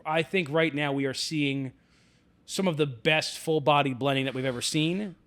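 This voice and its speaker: A podcast host talks in a relaxed, chatty, loose way during a casual conversation, with a lot of fillers and restarts. His voice is on the high side, at a moderate pace.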